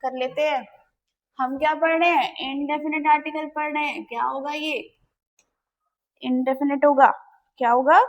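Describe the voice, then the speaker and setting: A young woman with a high voice teaches an exam-prep grammar lesson. She keeps asking her class questions and then answers them herself. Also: steady tone, moderate pace, long pauses.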